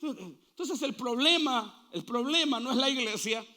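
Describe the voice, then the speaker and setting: A male pastor preaching a sermon, asking the congregation to repeat after him and building to loud, fervent calls. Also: very high voice, lively intonation, a little slow. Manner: call-and-response preaching, building to shouts.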